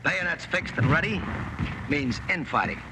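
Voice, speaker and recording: A man's voice: fairly high pitch, lively intonation, moderate pace, background noise. A man narrating an old newsreel in the folksy, plain-spoken voice of an infantryman.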